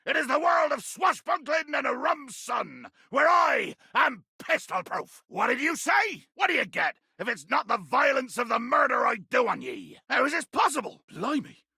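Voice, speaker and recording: A man voicing a bombastic, bloodthirsty pirate captain in a video game, with a raspy, gravelly growl and grandiose, archaic seafaring speech. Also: extremely high pitch, big pitch swings, moderate pace, hardly any pauses, sharp tone, no room sound, shouting, studio quality, full character voice. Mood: boastful, menacing. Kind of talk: theatrical video game character acting.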